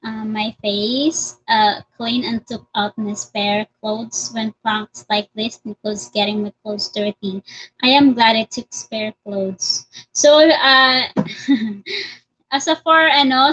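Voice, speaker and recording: A woman's voice: fairly high pitch, pushed and bright, a little hiss or hum, low-quality recording. A woman with a Filipino accent reading a story aloud, stopping for giggly side comments with many fillers and restarts. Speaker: story reader.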